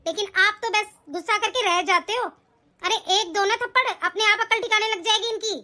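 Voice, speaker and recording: A cartoon sister who schemes and taunts, voiced by a woman. Her voice sits very high and sounds bright and sharp. She sneers, bosses and stirs trouble in every line. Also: fairly quick. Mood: scheming. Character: scheming spiteful young woman, sister of the house. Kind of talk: cartoon voice acting.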